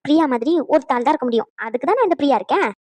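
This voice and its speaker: A woman's voice: high voice, expressive, rapid-fire, a little mellow, dry recording. A woman voicing a cheeky, clever young wife who teases and plays up her acting, for a cartoon. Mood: scheming. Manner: playful, teasing, theatrical.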